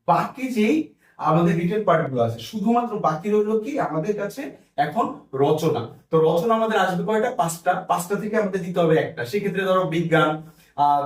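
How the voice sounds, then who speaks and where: Fast, high-voiced male exam tutor. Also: echoey room, distant mic. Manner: brisk, repeats figures while tallying minutes. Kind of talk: exam-prep lesson.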